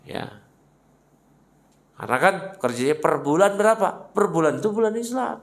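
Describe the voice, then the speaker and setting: A man's voice: sits high, big pitch swings, moderate pace. A man teaching a mosque study lecture in a conversational, teasing way. He addresses his listeners directly and mixes Arabic phrases into his speech. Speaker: Islamic religious teacher.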